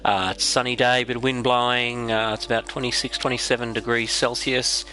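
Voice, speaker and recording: An Australian man with a raspy, congested head-cold voice, giving unhurried, casual explanations as he hosts a game livestream. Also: mid-range voice, level tone, bright, forceful tone.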